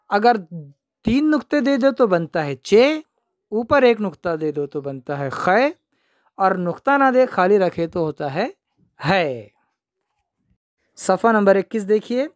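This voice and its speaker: Slow, patient male children's teacher. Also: high-pitched, dry recording, studio quality. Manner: repeats each word, asks and answers own questions. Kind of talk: children's alphabet lesson.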